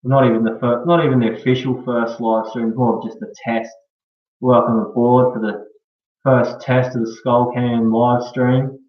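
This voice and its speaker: A man's voice: medium pitch, flat delivery, moderate pace. An Australian man chatting casually on a live stream in a laid-back, slangy way, often tagging sentences with "eh" and "bro". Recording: dull echoey room, far from mic.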